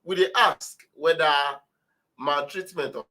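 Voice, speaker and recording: A man's voice: a little high, a little slow, sharp tone. A man with a Nigerian accent hosting a casual talk show in a chatty, teasing way. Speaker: radio show host.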